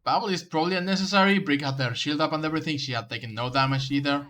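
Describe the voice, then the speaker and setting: Bright-voiced man coaching a gamer. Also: on the high side, rapid-fire, soft background music. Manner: stumbles and restarts often; coaching, direct advice. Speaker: streamer reviewing a player's game footage. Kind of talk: casual gameplay commentary.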